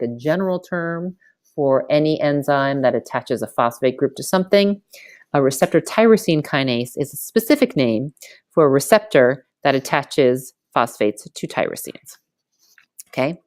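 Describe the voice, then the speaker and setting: A woman's voice: low voice, no echo, clean studio sound. A woman teaching biology in a screen-recorded lecture voice-over. She talks casually, explains step by step and keeps checking in with "okay?". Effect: screen recording narration over slides.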